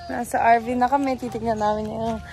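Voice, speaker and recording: High-voiced woman vlogging casually. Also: fairly even intonation, brisk, a little mellow. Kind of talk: casual vlog chat. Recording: chatter of people around.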